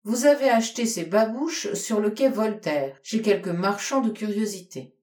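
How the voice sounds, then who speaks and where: A woman reading a storybook, voicing a coquettish young courtesan who asks coaxing, piqued questions in a higher voice. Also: animated, normal speed, a little mellow, reverberant, close to an everyday voice.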